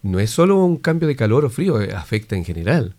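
A man's voice: lowish voice, big pitch swings, fast talker, warm tone, no room sound. A man hosting a weekly radio interview, friendly and conversational as he asks his guest questions. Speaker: radio host.

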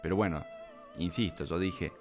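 A man's voice: sits low, normal speed. A man giving thoughtful commentary on a story and then reading it aloud, reflective and hesitant as he talks. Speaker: literature commentator and reader. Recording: music playing underneath.

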